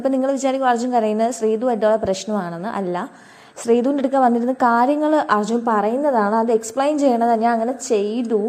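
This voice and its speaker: A woman with a fairly high voice talks straight to her viewers in a casual commentary. She, and her explaining is chatty, with fillers and restarts along the way. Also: darkish tone. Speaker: vlogger.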